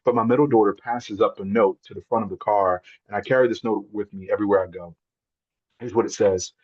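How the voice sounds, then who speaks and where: A man's voice: lowish voice, fairly even intonation, fairly quick, no echo, muffled recording. A man, a podcast guest, telling a heartfelt personal story in an earnest, emotional way, repeating words when moved.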